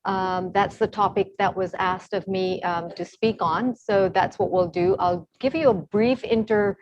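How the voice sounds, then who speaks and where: A middle-aged woman from Zambia, an Ayurvedic consultant, giving a relaxed talk full of ums over a video call. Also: medium pitch, a little slow. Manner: relaxed, many ums, explanatory. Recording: slightly dull video call audio.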